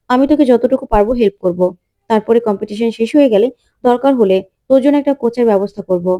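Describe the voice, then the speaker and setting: A woman's voice: a little high, mellow, dull audio, lightly acted. A woman reading an earnest determined mother. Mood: pleading. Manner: earnest, pleading, reassuring. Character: determined caring mother who lost her memory.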